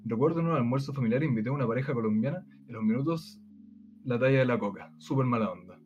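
A man's voice: medium pitch, lively intonation, fast, darkish tone, lo-fi sound, soft background music. A Chilean man with a Chilean Spanish accent debating in casual chat, rambling with many fillers and restarts.

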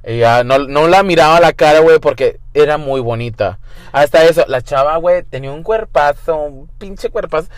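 Here a guest storyteller, a campy young man with a fairly high-pitched voice, spins a crude yarn at a normal pace. The casual story blends English and Spanish and is full of crude slang, captured in a dry recording.

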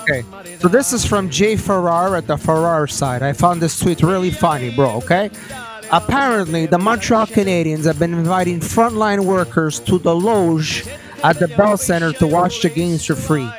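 Bro-heavy mock Italian tweet reader, a man hamming it up, high voice, music behind. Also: animated, moderate pace, fairly bright tone. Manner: jokey, calls everyone bro. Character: man with a put-on Italian accent.

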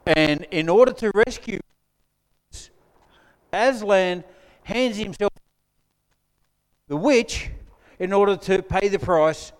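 High-voiced pastor preaching. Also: male voice, clean tone. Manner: conversational, joking asides to congregation. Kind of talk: sermon. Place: church hall. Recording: long hall reverb.

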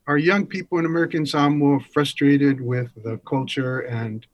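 A man's voice: a little high, normal speed, highs cut off. A man speaking as an interview guest in a thoughtful, explanatory way, sometimes posing questions to himself.

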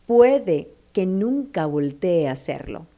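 Woman, motivational speaker, warm mellow voice, emphatic direct address to the listener. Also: on the low side, sing-song, takes it slowly. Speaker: self-help speaker. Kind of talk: motivational talk.

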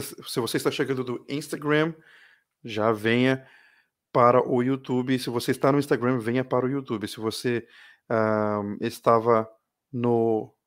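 Man teaching English on a live stream. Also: medium pitch. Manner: reads English phrases slowly for viewers to repeat; mixes English words into his talk.

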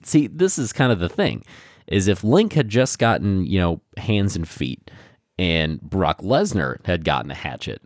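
A man's voice: sits low, big pitch swings, measured pace, no room sound, studio quality. A man co-hosting a podcast in casual chat, rambling with many fillers and restarts, on a podcast mic. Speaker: podcast co-host. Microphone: podcast microphone.

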